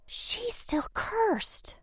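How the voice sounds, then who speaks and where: A worried teenage girl talks in a raised, lively voice that swings up and down as she frets about a curse. The sound is close and dry, with no room around it, as a male narrator puts her on. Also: extremely high pitch, a little slow, dry recording, voice pushed up, full character voice. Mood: anxious. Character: anxious teenage girls, high school friends.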